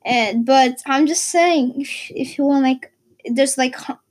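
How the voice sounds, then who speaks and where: A woman's voice: high-pitched, slow, low-quality recording. A teenage girl from Portugal, vlogging in a casual, rambling way with lots of fillers and restarts. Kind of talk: casual chat.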